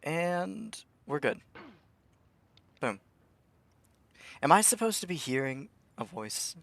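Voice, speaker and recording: A man's voice: on the high side, very animated, slow, gravelly, fairly bright tone, no room sound. A young man streaming a game, talking to himself in a rambling way, stammering and swearing now and then. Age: young adult. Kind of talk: casual live-stream commentary.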